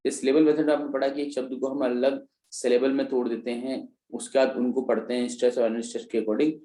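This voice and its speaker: A man's voice: mid-range voice, little pitch movement, fairly quick, mellow, roomy sound, poor audio. A man teaching an exam-prep class in speech, explaining step by step and often checking in with his students. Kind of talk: classroom lecture.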